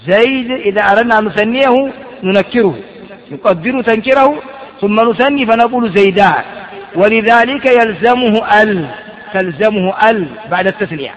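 A man teaching a classical Arabic grammar lesson, explaining slowly and putting questions to himself before answering them. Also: sits high. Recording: dull recording in a long-echo hall.

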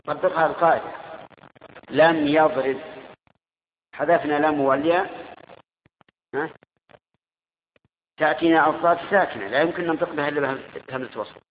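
A man's voice: a little high, normal speed, long pauses, slight background noise. A man teaching a grammar class, quizzing his students and repeating their answers. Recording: tinny echoey hall recording.

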